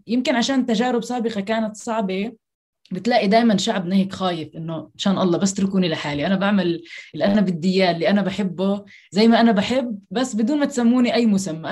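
Woman, Palestinian Arabic accent, quick pace, earnest, explanatory, conversational interview guest. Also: medium pitch, a little mellow.

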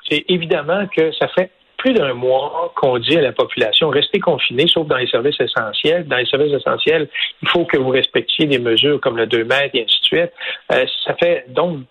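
A man with a Québécois French accent speaks as a radio guest, laying out his points one by one. He is deliberate, with frequent fillers and restarts. His slightly husky voice comes through a muffled, lo-fi line. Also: medium pitch. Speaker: business association president, guest. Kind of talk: radio interview, explaining policy.

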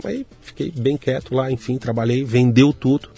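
A middle-aged man from Brazil, telling his story to an interviewer in a casual, lively way and acting out the voices of the people in it. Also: mid-range voice, normal speed, gravelly, soft background music. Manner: lively anecdotal, acts out quoted dialogue. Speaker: guest entrepreneur.

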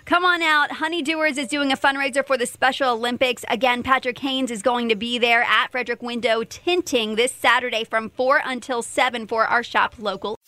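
A woman's voice: a little high, fairly even intonation, normal speed, hardly any pauses, pushed and bright, a little hiss or hum. An American woman hosting a morning radio show, with upbeat local chat and contest patter.

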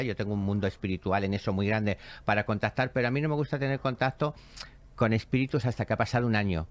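Hombre expresivo narrando anécdotas con teatralidad. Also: male voice, on the low side. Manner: expressive, theatrical storyteller who acts out quoted voices. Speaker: show host, spiritual medium. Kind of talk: animated storytelling chat.

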